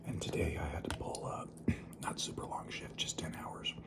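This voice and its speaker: A person whispering in a breathy, unvoiced voice, chatting casually and informally as the host of an ASMR eating video. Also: normal speed.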